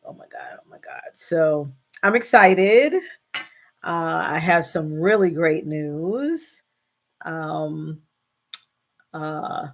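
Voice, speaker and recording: A middle-aged woman hosts a casual live stream and chats in an easy, unhurried way. Her voice sits a little low, and she greets viewers by name and fills pauses with "um" and "uh". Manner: chatty, greets viewers by name, many fillers. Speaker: host of a live stream show.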